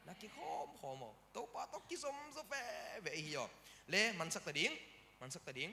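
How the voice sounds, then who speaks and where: A male pastor preaching a lively sermon, calling out hallelujah as he speaks. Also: sits high, big-room sound. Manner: animated preaching with frequent hallelujahs.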